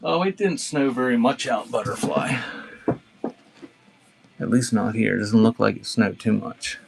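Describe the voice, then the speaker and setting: A man of medium pitch speaks at a measured pace as a live-stream auction seller, rambling and teasing casually while he reads out cassette titles for sale. The recording has clearly noisy background sound with clicks.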